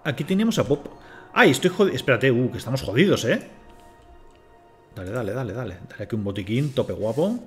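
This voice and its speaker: A man's voice: mid-range voice, sing-song, a little fast, soft background music. A man from Spain, swearing and talking to himself as he streams a game. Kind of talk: casual live gameplay commentary.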